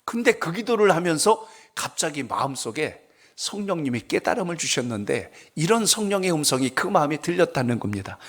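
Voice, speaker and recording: A man's voice: on the high side, big pitch swings, brisk, a bit bright. A male pastor preaching a sermon at a prayer service, telling stories and asking the congregation questions. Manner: conversational storytelling, asks the congregation questions.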